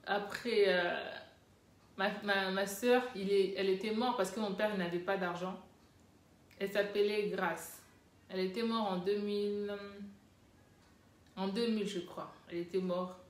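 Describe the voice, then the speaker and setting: Woman, mother, heartfelt, rambling, repeats phrases, mid-pitched voice, echoey room. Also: fairly even intonation, a little slow, long pauses. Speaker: mother telling her family story. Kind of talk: casual personal testimony. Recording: roomy echo.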